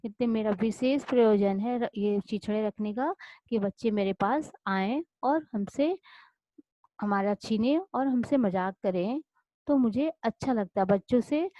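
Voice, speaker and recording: A woman voicing a poor, gentle old male beggar-saint who loves children. She speaks humbly and pleadingly in a storybook reading. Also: on the high side, no room sound, close to an everyday voice. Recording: dull lo-fi dry recording.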